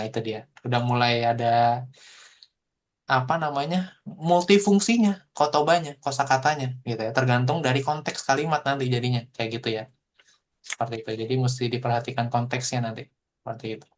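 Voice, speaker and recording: A man teaching a Japanese language class online, explaining in a relaxed, chatty way full of fillers. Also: mid-range voice. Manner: explains in relaxed casual Indonesian with frequent fillers.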